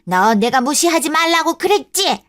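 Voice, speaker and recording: A woman's voice: sits high, animated, moderate pace, fairly bright tone. An actress voicing an elderly mother-in-law who acts like a demanding, sulky child in a radio drama. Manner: whiny, bossy, childish insistence. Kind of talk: Korean radio drama acting.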